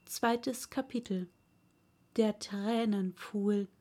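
A woman hosting a fairy tale podcast, reading a story aloud in a soft, gentle, partly whispered voice. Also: medium pitch, steady tone, drawn-out words. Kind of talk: bedtime storytelling.

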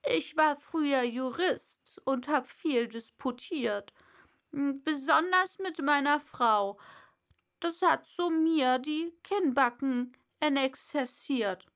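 A woman's voice: high voice, slow pace, a bit bright, voice pushed up, exaggerated voice. A woman reading a storybook and reciting a comic rhyme in the voice of a spry, boastful old man.

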